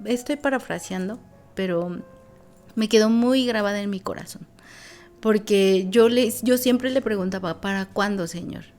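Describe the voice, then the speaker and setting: A woman's voice: medium pitch, normal speed, darkish tone, soft background music. A woman, a guest sharing a personal testimony in an earnest, reflective way, with many fillers.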